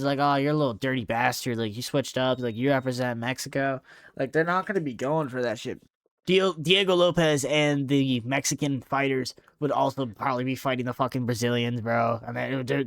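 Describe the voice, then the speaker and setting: A young man giving casual, profane commentary, full of slang and quick laughs. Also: medium pitch, fairly bright tone, dry recording, clean studio sound. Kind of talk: casual commentary ranking fighters.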